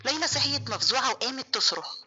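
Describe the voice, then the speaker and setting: Egyptian woman narrator for horror audio, rapid and sharp-toned, slightly high, soft music bed. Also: expressive, muffled recording. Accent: Egyptian Arabic. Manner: suspenseful, vivid. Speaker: storyteller. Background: faint music.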